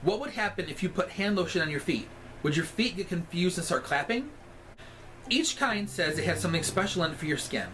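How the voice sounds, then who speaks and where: A man with a sassy drag queen delivery reads a scripted comic story aloud, with deliberate, emphatic timing. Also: high voice, animated, bright, forceful tone, a little hiss or hum, poor audio.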